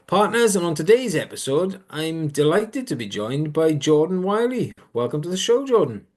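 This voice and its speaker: A man's voice: fairly high pitch, big pitch swings, normal speed, darkish tone. A man hosting a company podcast in a chatty, hesitant way, full of fillers and restarts. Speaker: podcast host. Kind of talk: conversational interview.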